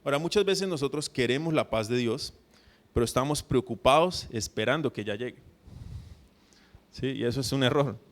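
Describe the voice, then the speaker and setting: A man's voice: mid-range voice, moderate pace, pauses often. A man preaching a sermon as a pastor, talking conversationally and constantly checking in with his listeners. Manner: acts out mock prayers in a put-on voice.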